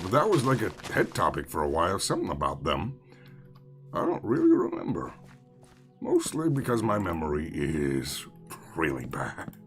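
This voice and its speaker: A man's voice: mid-range voice, vocal fry, fairly bright tone. A man streaming a game, chatting casually with his viewers, rambling, swearing freely and mocking himself. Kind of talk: casual live-stream chat while gaming.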